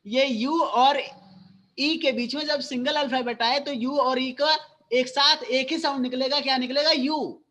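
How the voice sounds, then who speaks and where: A man's voice: very high-pitched, steady tone, unhurried, bright, forceful tone. A male school teacher giving an online phonics lesson, mixing Hindi and English, patiently repeating and quizzing his students.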